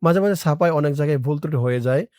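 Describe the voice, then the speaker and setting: A Quran teacher giving an online recitation lesson, spelling each word syllable by syllable, reciting slowly and drawn out, with quicker asides that explain the pronunciation rules. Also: medium pitch, mellow, no room sound, clean studio sound.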